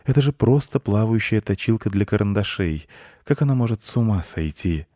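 A man voicing a clever male cat who talks softly, slyly and like a know-it-all. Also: fairly low pitch, animated, fairly quick, no echo, clean studio sound. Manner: soft, ingratiating, know-it-all.

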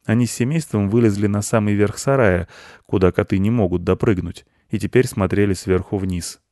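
A man reading a children's story aloud in an expressive, animated way. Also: lowish voice, fairly quick, no room sound, studio quality. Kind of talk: storybook narration.

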